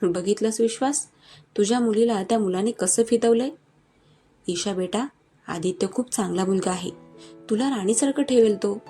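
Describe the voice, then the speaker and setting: A woman playing a cruel, scheming older man in a storybook romance, sneering and mocking. The voice is mellow and warm, with soft music faint behind. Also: medium pitch, moderate pace, close to an everyday voice.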